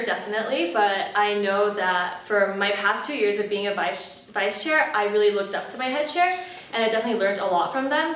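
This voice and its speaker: A young woman in her twenties, from Malaysia, answers interview questions in a chatty, upbeat way, full of ums and restarts. Her voice sits at a middle pitch. The sound bounces around a very echoey room, and she stands well back from the mic. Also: a bit bright, distant mic, slight background noise. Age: 20s. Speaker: head chair interviewee.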